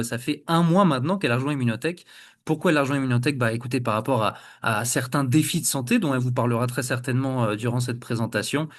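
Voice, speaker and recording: A man hosting a weekly online call, introducing a guest with many fillers and restarts. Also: mid-range voice. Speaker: webinar host. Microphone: video call.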